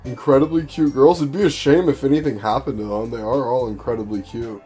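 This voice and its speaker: A man's voice: mid-range voice, fairly even intonation, fairly quick, mellow, soft background music. A man co-hosting a game stream, teasing his partner playfully and laughing often. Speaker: co-host playing the game. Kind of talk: casual gaming stream chat.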